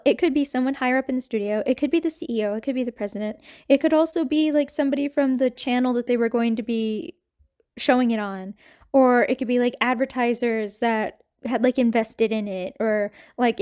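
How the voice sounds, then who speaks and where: A young adult woman vlogger recording a fast, excited rant on her phone, repeating herself as she goes. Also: on the high side. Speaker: anime commentary vlogger. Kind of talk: casual rant.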